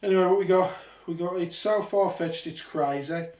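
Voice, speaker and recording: Man, paranormal host, storyteller, slightly high voice, roomy echo. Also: moderate pace, far from the mic. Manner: animated storyteller, swears, acts out quotes. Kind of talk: live ghost-hunt storytelling. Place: old house at night. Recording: echoey room, off-mic.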